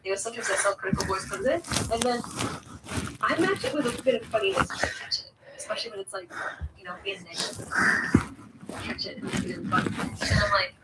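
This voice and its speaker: A woman's voice: medium pitch, lively intonation, brisk. Woman, spiritual card reader. Chatty and encouraging. Distant mic, heavy background noise. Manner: encouraging, chatty, addresses listener directly. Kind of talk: motivational card reading.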